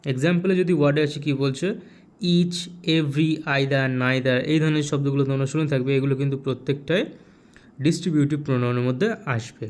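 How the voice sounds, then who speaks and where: A man with a West Bengal Bengali accent teaching a grammar lesson, asking rhetorical questions and repeating key terms slowly. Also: medium pitch, steady tone, a little mellow.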